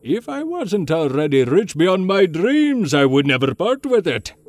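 A man voicing a pushy old male shopkeeper who wheedles, whispers and booms, with faint music behind. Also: unhurried, no room sound. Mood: wheedling. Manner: whispering then booming, high and animated.

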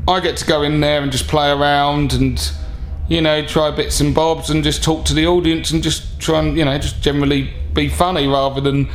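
A man's voice: on the high side, level tone, moderate pace, few pauses. A man with an Essex accent chatting casually as a comedian in an interview, jokey, colloquial and self-deprecating. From Essex, England. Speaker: stand-up comedian guest. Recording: roomy echo, faint background noise.

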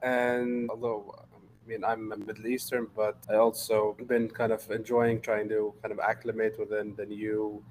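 A man from Lebanon in his thirties talks in a low, level voice with little rise and fall. He speaks in a relaxed, unhurried way and repeats words as he works out his thoughts. A faint hiss sits under the recording. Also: rough recording. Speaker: guest. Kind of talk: casual interview.

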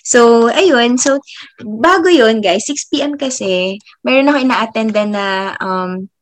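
Young teacher lady in her 20s chatting to her viewers, kinda high voice, laughs a lot, trails off soft. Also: slow. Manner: chatty, trails off softly after phrases, laughs often. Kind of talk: casual faith testimony vlog.

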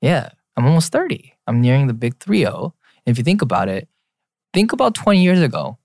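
In a dry, clean studio recording, a young adult man in his late twenties co-hosts a podcast, chatting casually, teasing his co-host, and reading out lists in a playful way. His mid-range, darkish voice moves fairly quickly with big pitch swings.

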